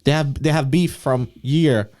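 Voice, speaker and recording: A man co-hosting a podcast in casual chat, opinionated and quick in the back-and-forth. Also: fairly high pitch, a little mellow. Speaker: podcast co-host.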